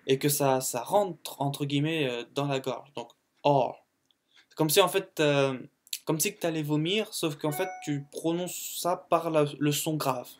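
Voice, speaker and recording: Man, video host, casual tutorial, slow, hesitant, higher-pitched. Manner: chatty and hesitant, with frequent "euh" and restarts. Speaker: YouTube host teaching the English alphabet.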